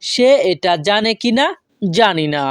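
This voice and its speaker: A woman gives a scripted language lesson at a very slow, deliberate pace. She says each phrase in careful pieces and repeats it word by word. Her voice sits in a middle pitch, recorded close and dry. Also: lively intonation, clean tone, no room sound. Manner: slow, careful, spells out words one by one. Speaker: language teacher.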